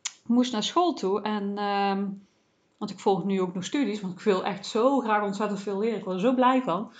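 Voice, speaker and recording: Woman, podcast host, calm self-help talk, soft reassuring manner, lots of fillers, somewhat muffled lo-fi sound. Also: mid-range voice, moderate pace. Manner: gentle and reassuring, with frequent "hè" tags and fillers.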